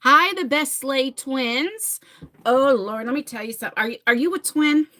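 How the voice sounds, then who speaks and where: A livestream host from New Jersey, USA, in her forties, chats casually, laughs a lot and reads comments while addressing viewers by name. Her high-pitched voice is pushed and bright, at a moderate pace.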